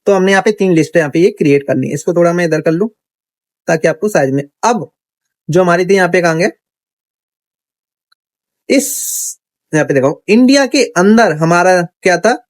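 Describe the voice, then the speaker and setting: In this laid-back screen-recorded coding lesson, a man thinks aloud and keeps checking in with viewers, often saying "theek hai." His high-pitched voice moves at a moderate pace with long pauses, and there's no echo.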